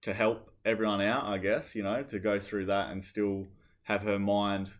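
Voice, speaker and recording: A man's voice: lowish voice, flat delivery, normal speed. A man, a student, chatting on a casual podcast, hesitant and hedging his answers.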